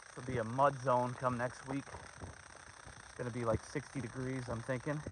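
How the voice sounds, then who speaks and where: This middle-aged man speaks at a medium pitch with a level tone and ordinary speed as he livestreams a dog hike on a snowy trail. He chats informally with viewers, his son, and the dogs while holding his phone. The outdoor recording has noticeable background noise.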